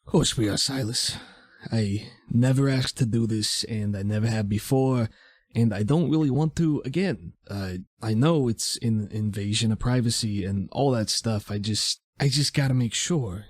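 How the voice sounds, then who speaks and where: Man doing an uneasy, apologetic friend for a tabletop game; husky, dry close mic. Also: fairly low pitch, moderate pace, no room sound, lightly acted. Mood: hesitant. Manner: hesitant, apologetic.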